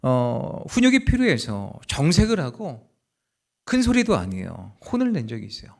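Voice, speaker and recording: A male pastor preaching a sermon, swinging between loud urging and hushed, slow passages. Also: medium pitch, vocal fry. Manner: animated, acts out dialogue in quoted voices.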